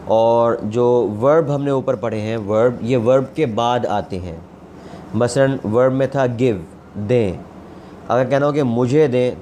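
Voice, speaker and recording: Slow, repetitive man teaching English. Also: medium pitch, dark tone, slight background noise. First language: Urdu. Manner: repeats each word slowly several times, then gives the meaning. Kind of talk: slow vocabulary and grammar lesson.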